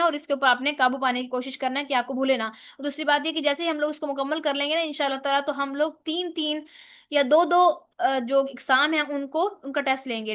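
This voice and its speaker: Female Quran teacher, high-pitched, methodical explainer, stretches out recited letters. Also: fairly bright tone. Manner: explains step by step, often asks "right?"; recites Arabic letters slowly and drawn out. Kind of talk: online tajweed lesson.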